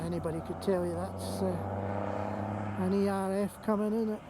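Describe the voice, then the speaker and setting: A woman's voice: medium pitch, steady tone, moderate pace. A woman gives casual running commentary with short, chatty remarks, recorded outdoors by a road on a camera mic. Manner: chatty, short admiring remarks with small asides. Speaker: videographer commenting on arriving trucks. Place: outdoors by a showground entrance road. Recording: outdoor camera audio under loud traffic noise.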